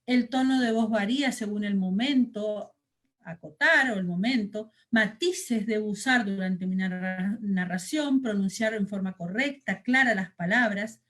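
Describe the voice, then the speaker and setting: A woman's voice: medium pitch, a little slow, a bit bright. A woman from Argentina teaching a storytelling training lesson, explaining patiently with fillers and checking questions. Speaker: children's ministry trainer.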